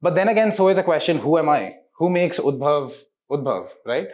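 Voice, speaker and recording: An animated man in his 30s with a fairly high, darkish voice speaks briskly as a diagnostics company representative being interviewed. His answers are articulate and explanatory, peppered with rhetorical questions.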